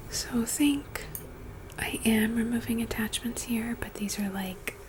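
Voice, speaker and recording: A woman in a whispered role-play, speaking gently and intimately right in the listener's ear, guiding in an unhurried, soothing ASMR style. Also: on the high side, level tone, background noise. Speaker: ASMR host playing a friend giving reiki.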